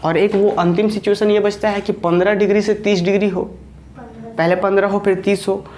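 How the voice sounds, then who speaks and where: A woman's voice: medium pitch, level tone, a little fast, a little mellow. A woman maths teacher with a Jharkhand Hindi accent giving an online lecture. She explains step by step and keeps checking that students follow.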